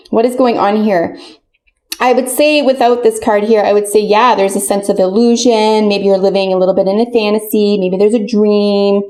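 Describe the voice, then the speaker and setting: A woman's voice: mid-range voice, a little mellow. A woman fortune teller doing a casual spoken tarot and oracle card reading, addressing the listener directly. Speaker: tarot reader.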